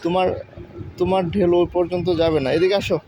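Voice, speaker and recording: A man, a father out by a pond with his young daughter, talking to her in a gentle, coaxing baby-talk voice. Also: high-pitched, flat delivery, fast talker. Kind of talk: casual outdoor vlog. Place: outdoors by a pond. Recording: outdoor noise, birds and ambience.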